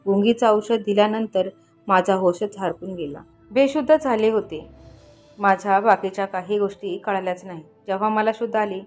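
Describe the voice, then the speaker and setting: A woman's voice: mid-range voice, normal speed, darkish tone, soft background music. A woman narrating a first-person story in an earnest, confiding way, voicing the lines of the people in it.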